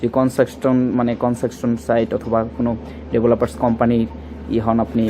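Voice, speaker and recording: With a mid-range voice and a completely flat delivery, a man with a Bangladeshi accent talks fast through an informal shop product demonstration. He keeps repeating himself and uses filler placeholders as he hunts for words. Faint noise is audible behind him.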